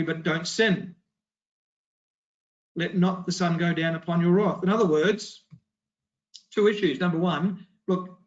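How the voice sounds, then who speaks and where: A man with a slightly high voice, pitched in a somewhat raised register, leads a Bible study. He speaks emphatically, posing rhetorical questions and answering them firmly, and the recording is dull and lo-fi.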